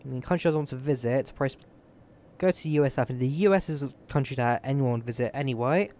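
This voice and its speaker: Talking fast in a medium-pitched, somewhat mellow voice, a young Brit streams a flight simulator. His live-stream chat is casual and rambling, and he thinks aloud while adjusting settings.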